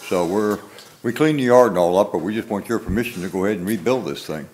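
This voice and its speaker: A man's voice: fairly low pitch, lively intonation, fast talker, darkish tone, a little hiss or hum. An older man representing a property owner, speaking plainly and casually at a podium in a council chamber. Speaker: contractor's representative. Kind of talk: speaking at a public hearing. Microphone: podium microphone.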